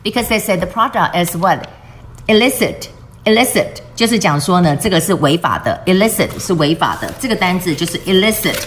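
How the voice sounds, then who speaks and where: A woman with a somewhat low voice explaining English vocabulary from news stories. She spells words letter by letter and poses questions to her listeners before answering them. She moves freely between Mandarin and English mid-sentence. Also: expressive, quick pace, few pauses, a bit bright, slight background noise. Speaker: English teacher. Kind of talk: news-based vocabulary lesson.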